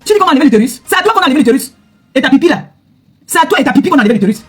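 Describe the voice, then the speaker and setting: A woman's voice: high-pitched, sing-song, very fast, faint music behind. A middle-aged woman, an influencer, giving an angry, confrontational rant straight to camera, hammering the same retorts again and again. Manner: heated, repetitive, confrontational retorts. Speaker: social media influencer.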